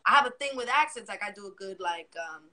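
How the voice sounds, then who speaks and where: A young woman from Miami, Florida, with a New York accent and Spanish as her first language, chats as a guest in a casual interview. She talks fast at a medium pitch, swearing animatedly and acting out quotes.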